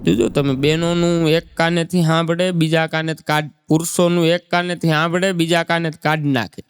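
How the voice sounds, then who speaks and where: A man's voice: fairly high pitch, little pitch movement, normal speed, smooth. A man on stage mixing jokes with musings on everyday life. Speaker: stand-up comedian.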